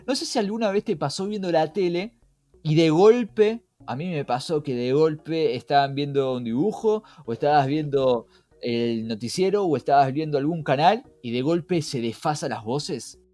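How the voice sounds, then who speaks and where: A podcast host with an Argentine accent speaks conversationally, drawing the listener in with rhetorical questions. His voice is fairly high and warm at a moderate pace, with no echo, and music plays behind him.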